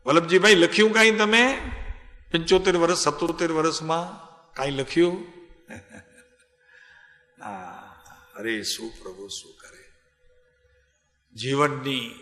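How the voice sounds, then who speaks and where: A man preaching a devotional sermon in a large hall, talking at an unhurried pace with a bright, clear-edged voice. He chats with his listeners and calls on them by name. His voice rings with a long, roomy reverb. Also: a little high, expressive. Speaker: spiritual teacher.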